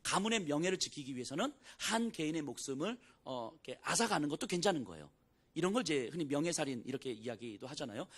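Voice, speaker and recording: A male pastor preaches in a casual, storytelling tone, slipping into characters' voices as he retells the scripture. His voice sits a little high and moves up and down with lively intonation. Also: quick pace, husky. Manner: conversational preaching, acts out biblical dialogue in casual speech. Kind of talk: sermon.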